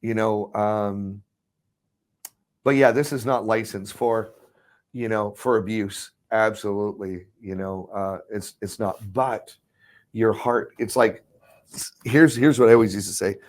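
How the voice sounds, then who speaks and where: A man's voice: lowish voice, fairly even intonation, measured pace. A man teaching about ministry in casual chat, rambling with restarts and frequent chuckles.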